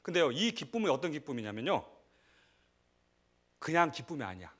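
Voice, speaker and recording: A middle-aged man preaching a sermon as pastor, conversational and animated, breaking into shouts and laughter. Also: a little high, normal speed, slightly rough.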